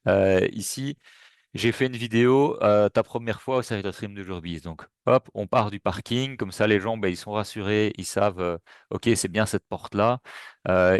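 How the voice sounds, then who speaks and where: A man's voice: lowish voice, clear, resonant tone, dry recording, clean studio sound. A man presenting a webinar in a casual, hesitant way, with many fillers and restarts. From Belgium.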